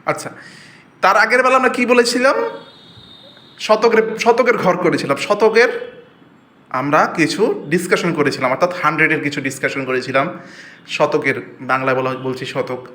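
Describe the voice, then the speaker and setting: A man with a high-pitched voice teaches a video lesson. He goes over each point more than once, restarts his sentences and keeps asking whether his viewers follow. The recording carries a noticeable room echo. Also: moderate pace, long pauses, sharp tone. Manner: repeats points, frequent fillers and restarts, checks understanding. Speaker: Japanese language teacher.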